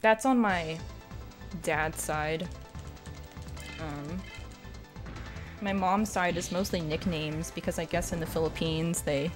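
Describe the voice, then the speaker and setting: A woman's voice: on the low side, fairly even intonation, slow, pauses often, over music. A woman streaming a game and chatting with viewers in a rambling, self-deprecating way. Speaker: streamer and speedrunner. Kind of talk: casual livestream chat while gaming.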